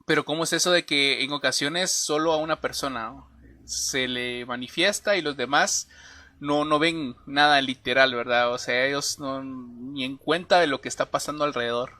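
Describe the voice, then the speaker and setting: A man's voice: mid-range voice, normal speed, pushed and bright, no room sound. A man co-hosting a podcast, chatting casually in a reflective way. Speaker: podcast co-host. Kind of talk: casual chat.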